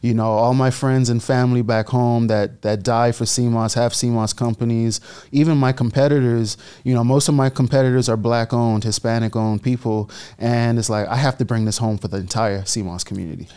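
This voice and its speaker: A Bahamian man in his thirties tells his story in a relaxed, easy way on a podcast set. His voice sounds smooth and resonant, and his pitch sits in the middle. He speaks close to a studio mic. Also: fairly quick. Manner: relaxed storytelling, gestures while talking. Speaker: guest entrepreneur. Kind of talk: casual podcast interview. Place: studio set with leather armchairs. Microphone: boom-arm studio mic.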